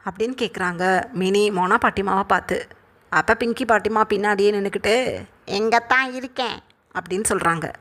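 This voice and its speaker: A woman's voice: mid-range voice, steady tone, quick pace, fairly bright tone. A woman narrating a fanfiction story in a chatty, colloquial voice-over.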